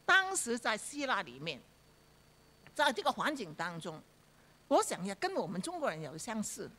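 A woman's voice: on the high side, fairly bright tone. A woman preaching a sermon, telling a story with rhetorical questions to her listeners and frequent fillers. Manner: frequent fillers and repeated phrases.

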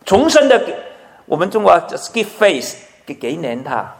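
Male preacher, higher-pitched, animated sermon delivery, shifts from loud to quiet, mixes in English words. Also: a little slow, vocal fry. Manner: animated, swings between loud emphasis and hushed asides; asks the audience frequent rhetorical questions. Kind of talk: sermon to a congregation.

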